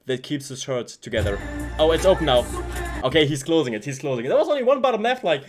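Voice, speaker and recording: Young man, from Germany, excitable reaction host, lively swooping voice, loud music behind. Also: on the high side, fast talker. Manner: excitable, gushing, repeats words. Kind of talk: casual reaction commentary. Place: home room with shelves.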